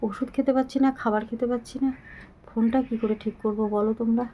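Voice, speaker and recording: A middle-aged woman talking slowly and haltingly to her viewers into a phone camera, weak and short of breath. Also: fairly high pitch, fairly even intonation, dull audio, slight background noise. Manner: slow, halting, pleading. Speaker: vlogger. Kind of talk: casual talk to viewers.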